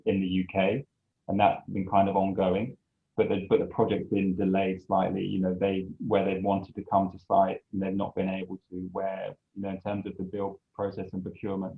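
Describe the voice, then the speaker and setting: A man, a design studio principal, speaking haltingly with many restarts in a panel discussion. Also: low voice, creaky. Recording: tinny phone-like line.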